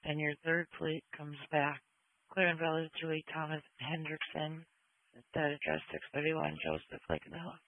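A man's voice: on the high side, normal speed, dry recording. A man working as a police dispatcher, speaking in clipped procedural radio calls with repeated numbers and locations over a two-way radio. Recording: dull, band-limited police radio audio.

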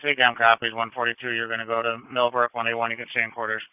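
A man's voice: mid-range voice, monotone, fast talker, clean tone, no room sound. A man dispatching fire units in terse, procedural radio phrases. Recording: thin, phone-like radio channel.

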